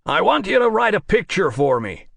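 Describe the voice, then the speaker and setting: A commanding, middle-aged movie mogul who barks clipped orders down the line, as an audiobook narrator puts him on. He speaks higher than plain talk, with a lively, swinging delivery in a dry booth. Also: normal speed, vocal fry, no echo, heavily acted. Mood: brusque. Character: brusque powerful American Hollywood producer, middle-aged man. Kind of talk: audiobook character voice.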